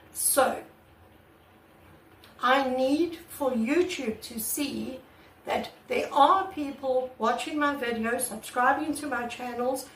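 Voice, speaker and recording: A croaky-voiced woman artist who vlogs chats casually and earnestly with her channel's viewers, repeating herself and restarting often. Her voice sits high, and she was recorded on a camera mic rather than a proper microphone, at a distance in an echoey room with slight background noise.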